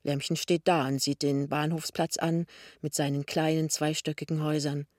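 A man calmly narrating a novel as an audiobook reader. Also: fairly high pitch, normal speed, dry recording, clean studio sound. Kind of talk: scripted narration.

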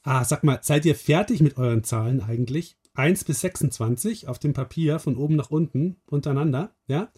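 A man's voice: on the high side, a little fast, hardly any pauses, mellow, husky. Man hosting a kids' puzzle show. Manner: friendly, explaining. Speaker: host. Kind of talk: talking directly to young listeners.

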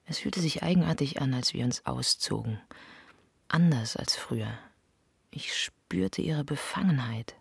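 A woman's voice: extremely low pitch, expressive, measured pace, vocal fry, husky, no echo. A woman delivering a literary first-person monologue in an intimate, often half-whispered voice. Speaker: narrator.

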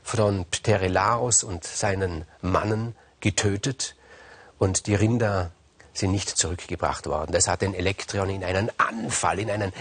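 Man, husky voice, dry close sound, casual storyteller, halting with fillers. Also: lowish voice, no echo. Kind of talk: casual oral retelling of myths.

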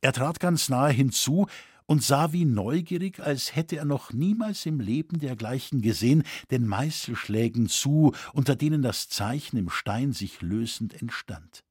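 Man reading an old crime novel, really slow and calm, a bit husky, dry close mic. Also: mid-range voice, no room sound. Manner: measured, calm storytelling. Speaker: audiobook reader. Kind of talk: scripted narration.

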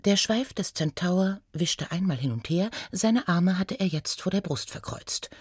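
A woman reading a children's story aloud as narrator, in a slow, lively storytelling manner. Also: on the low side, husky, no room sound, clean studio sound.

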